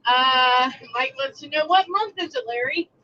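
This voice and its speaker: A woman, co-hosting a live stream from a truck and chatting through viewer comments in an animated, laughing way. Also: sits high, moderate pace, dull audio. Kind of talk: casual live-stream chat reading comments. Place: inside a truck cab on the road.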